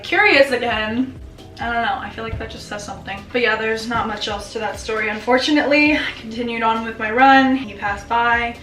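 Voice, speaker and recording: A woman's voice: fairly high pitch, fairly bright tone, poor audio. A young woman chatting casually in a vlog, informal and emphatic. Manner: informal, frequent "like" and emphatic words. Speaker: lifestyle and running vlogger.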